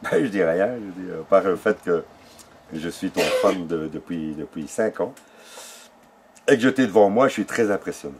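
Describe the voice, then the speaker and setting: Un homme âgé à l'accent belge qui raconte ses souvenirs avec entrain, en imitant les dialogues. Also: male voice, sits low, normal speed, slight background noise. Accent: Belgian French. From Belgium. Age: older. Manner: animated storyteller who acts out dialogue. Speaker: interviewee. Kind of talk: casual storytelling interview.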